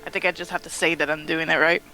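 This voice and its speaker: A woman's voice: low voice, little pitch movement, fast, bright, forceful tone, soft background music, rough recording. A woman playing in an online tabletop game, giggly and a bit unsure of the rules, talking over voice chat. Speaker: player.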